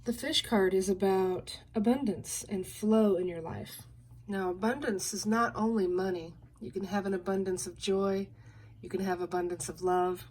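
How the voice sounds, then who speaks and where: A woman giving a general card reading, explaining each card in a slow, gentle, explanatory way. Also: medium pitch. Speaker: card reader. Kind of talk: relaxed card-reading video.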